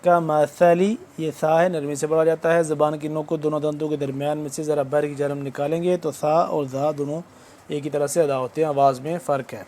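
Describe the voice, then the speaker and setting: Man teaching slow Quranic recitation. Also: a little high, flat delivery, dark tone. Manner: alternates slow drawn-out recitation with quick spoken explanations. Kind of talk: word-by-word recitation lesson.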